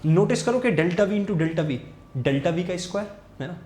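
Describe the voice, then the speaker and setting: A young man teaching a physics lesson, quick and repetitive, urging students to watch closely. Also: sits high, expressive, darkish tone, slight background noise. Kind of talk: fast Hindi tutoring lesson with board writing. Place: room, recording a class video. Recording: echoey room.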